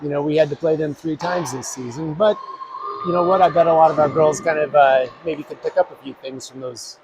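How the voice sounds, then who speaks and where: A man with a somewhat raised pitch hosts a local hockey webcast in a loose, conversational way. He leans on fillers and quick agreements. Steady rink noise sits behind his voice. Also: dull audio. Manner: chatty, filler-heavy, affirming. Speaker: hockey broadcast host. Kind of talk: casual pregame commentary. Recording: noisy arena ambience.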